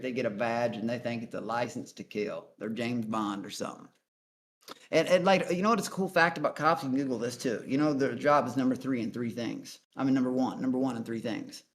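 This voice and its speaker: A man guest on a call-in interview, telling his story in a blunt, profane, rambling way. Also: mid-range voice. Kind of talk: casual storytelling.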